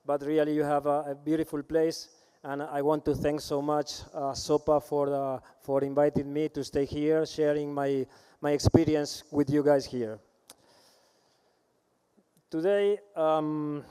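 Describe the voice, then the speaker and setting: Heard over a big hall's PA system, a fifties-aged Argentine man presents at a conference in Argentine-accented Spanish. His voice is smooth, mellow and a touch high, and he speaks warmly yet haltingly, often restarting and repeating himself.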